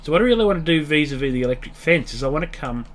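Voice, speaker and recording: In rapid-fire, animated bursts, this late-thirties man offers casual commentary on a game for his viewers, reasoning out loud as he goes. A mild cold leaves his slightly high voice stuffy.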